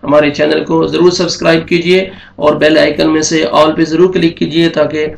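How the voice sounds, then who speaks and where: A man's voice: on the high side, level tone, vocal fry, echoey room. A man teaching Quran recitation rules, explaining each sound patiently step by step. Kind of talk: tajweed lesson.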